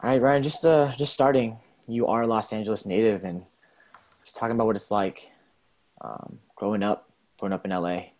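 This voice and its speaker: A man's voice: lowish voice, steady tone, a little fast, a little mellow. A man hosting a video podcast, introducing his guest in a casual, friendly way. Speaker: podcast host. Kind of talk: casual interview.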